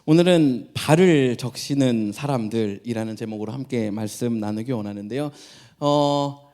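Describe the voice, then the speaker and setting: A man's voice: mid-range voice, moderate pace, warm tone. A middle-aged man, a pastor, leading a prayer and then preaching a sermon, telling family stories and playfully acting out his children's voices. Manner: storytelling, playfully acts out children's voices, laughs often.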